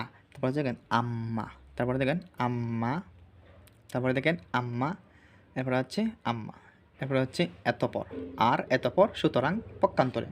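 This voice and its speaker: A man's voice: medium pitch, a little hiss or hum. A man teaching an Arabic vocabulary lesson over a screen share, repeating each word several times as a drill.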